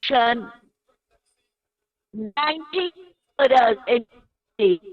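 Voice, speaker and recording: A woman with a high voice reports over a remote call line that keeps breaking up. Her sentences come through in pieces, with words cutting out. The line sounds dull and distant, and she speaks slowly. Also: no room sound. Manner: fragmented, words dropping out mid-sentence. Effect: breaking-up call line, audio cutting in and out. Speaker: phone-in correspondent.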